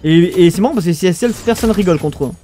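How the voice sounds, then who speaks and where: A man's voice: high-pitched, lively intonation, rapid-fire, dark tone, a little hiss or hum. A young French man casually casting a strategy game match, chatting with viewers in the chat, often trailing off and restarting sentences. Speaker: esports caster. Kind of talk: casual live game commentary.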